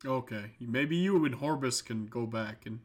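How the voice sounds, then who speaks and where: A man's voice: mid-range voice, measured pace. A man playing a tabletop game, laid-back and jokey. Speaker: player. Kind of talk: casual tabletop game chat.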